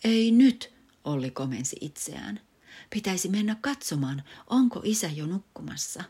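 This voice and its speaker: A woman narrates a children's bedtime storybook, her voice pitched very low for a woman. She reads calmly and gently at an even pace, recorded close to the mic. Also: husky. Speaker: audiobook reader.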